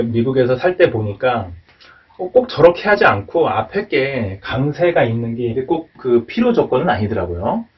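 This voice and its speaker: A man teaching English pronunciation at a whiteboard, talking hesitantly with many fillers and tag questions. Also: medium pitch. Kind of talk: whiteboard lecture. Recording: dull, distant mic.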